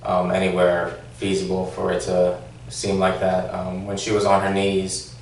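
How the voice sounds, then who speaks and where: A man's voice: deep voice, completely flat delivery, measured pace, creaky. A man, a former police officer, answering questions at a formal hearing, hesitant, with many fillers and restarts. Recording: echoey room, distant mic, faint noise.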